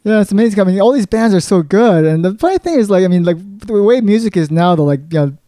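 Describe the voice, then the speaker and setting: A man's voice: high voice, lively intonation, fast, mellow, no room sound, clean studio sound. A man co-hosting a casual podcast chat, rambling with lots of fillers and frequent laughs. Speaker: podcast co-host.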